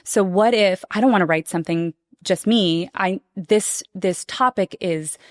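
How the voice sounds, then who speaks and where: A woman guest on a podcast, speaking in an earnest, reflective way and pausing to find her words, recorded before a small live audience. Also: mid-range voice, dry recording, studio quality. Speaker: guest performer. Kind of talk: podcast interview.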